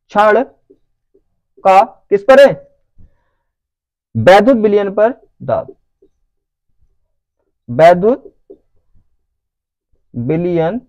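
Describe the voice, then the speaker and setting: High-voiced man teaching a class. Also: a little mellow, no echo, muffled recording. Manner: checks understanding with repeated questions. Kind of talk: classroom lecture.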